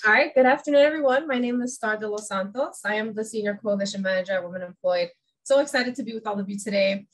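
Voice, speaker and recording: A woman from New York presents in an online webinar, upbeat and personal. She speaks over a video call mic at a middle pitch. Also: fast talker, rough recording. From New York, USA.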